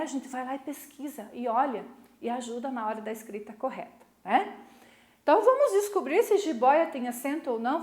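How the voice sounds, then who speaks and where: A Brazilian woman teaching a recorded middle-school lesson. She explains slowly, stretches key syllables, and keeps checking in with her students. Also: on the high side, reverberant. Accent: Brazilian Portuguese.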